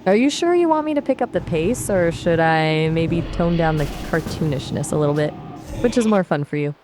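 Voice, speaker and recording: A synthetic woman's voice putting on a squeaky, giddy cartoon version of a female AI companion. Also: expressive, normal speed, noisy background. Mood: excited. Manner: giddy, bouncy.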